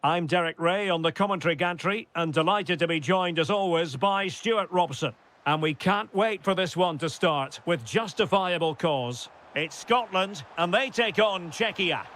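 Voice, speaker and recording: Male play-by-play caller, high and bright tone, punchy name calls. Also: moderate pace, slight background noise. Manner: calls player names, rises sharply on goals and chances. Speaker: play-by-play football commentator. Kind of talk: video game match commentary.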